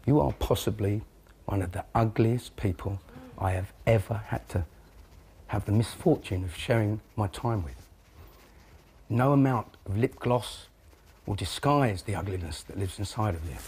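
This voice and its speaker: Low-voiced man delivering cutting words. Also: a little mellow, breathy edge. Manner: deliberate, cutting, theatrical. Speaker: reality show housemate.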